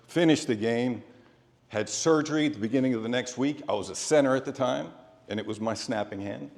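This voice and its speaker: Man giving motivational speech in echoey hall. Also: medium pitch. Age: middle-aged. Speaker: motivational speaker. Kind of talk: prepared motivational speech with a sports theme. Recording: echoey hall with long reverb.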